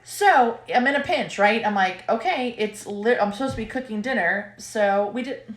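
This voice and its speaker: A woman's voice: fairly high pitch, normal speed. A woman in her thirties co-hosting a casual live stream, chatty and bubbly, laughing often. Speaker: co-host of a live stream, chiropractor. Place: home room, at night. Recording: echoey room.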